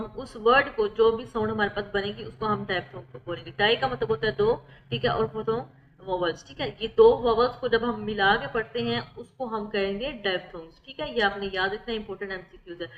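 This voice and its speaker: A woman's voice: fairly high pitch, muffled recording. A woman online tutor, explaining exam material step by step over slides. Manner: repeats "theek hai" often, explains step by step.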